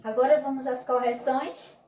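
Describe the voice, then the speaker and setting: A woman's voice: high-pitched, steady tone, warm tone. Brazilian lady teacher, patient and drawn out, keeps asking ok?, kinda far off in an echoey room. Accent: Brazilian Portuguese. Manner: slow, patient, drawn-out classroom explaining with frequent "ok?" checks. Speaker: primary school teacher. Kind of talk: recorded remote class lesson. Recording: echoey room, mic at a distance.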